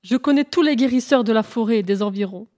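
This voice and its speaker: A woman's voice: a little high, quick pace, dark tone, lightly acted. Vain storybook peacock, indignant exclamations, a woman doing it. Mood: flustered. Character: proud vain male peacock, flustered.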